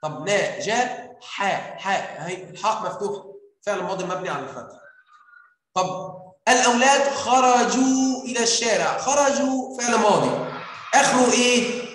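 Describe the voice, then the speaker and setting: A man's voice: high-pitched, expressive, moderate pace, fairly bright tone, a little hiss or hum. A man with an Egyptian Arabic accent teaching a grammar lesson, quizzing pupils with coaxing questions. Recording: very echoey room.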